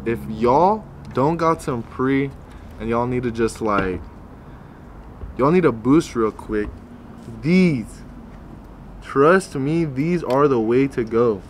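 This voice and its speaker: A man's voice: mid-range voice, lively intonation, takes it slowly, pauses often, a little hiss or hum. A young man talking casually to viewers as a fitness vlogger, in a hyped, slangy gym-bro manner. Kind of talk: casual vlog chat to viewers.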